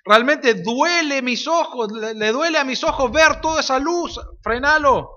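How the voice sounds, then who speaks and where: A man voicing frightened, stubborn cave dwellers who shout in fear and scorn. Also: very high-pitched, a little slow, voice pushed up, exaggerated voice. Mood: frightened, scornful. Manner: fearful, pleading, shouting. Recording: reverberant hall, dull lo-fi sound.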